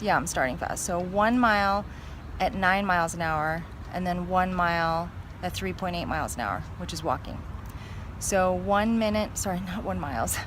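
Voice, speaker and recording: A woman giving a casual fitness vlog, talking straight to her viewers in an emphatic, step-by-step way. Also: mid-range voice. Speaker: fitness vlogger. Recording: noisy, constant vehicle-like background hum.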